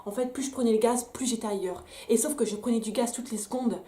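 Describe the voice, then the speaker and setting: A woman's voice: on the high side, fast, mellow. A young woman vlogger candidly telling a personal story straight to the camera, emphatic and full of restarts. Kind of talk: story time vlog. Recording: echoey room.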